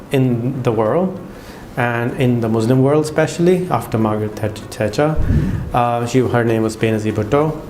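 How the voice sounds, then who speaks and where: Speaking with a Pakistani accent, this Pakistan-born vlogger chats to camera casually, stumbling through many fillers and restarts. His voice is medium in pitch with a darkish tone, set in a reverberant room with slight background noise.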